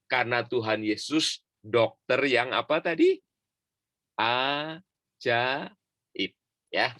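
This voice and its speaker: A male pastor tells a Bible story to children over a video call, bringing it alive by acting out the people and asking the kids to join in. His voice sits at a middle pitch. The sound is dry and close, with no room echo. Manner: lively storyteller, acts out voices, calls for the kids to repeat lines.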